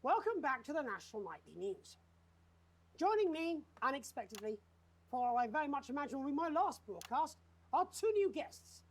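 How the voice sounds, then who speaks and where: An actor playing a bitter, unhinged TV news anchor in a video game, with a British accent and a commanding, theatrical, sardonic manner. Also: male voice, very high-pitched, sing-song, normal speed, exaggerated voice. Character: unhinged, bitter male TV news anchor holding studio hostage. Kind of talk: dramatic live-broadcast acting.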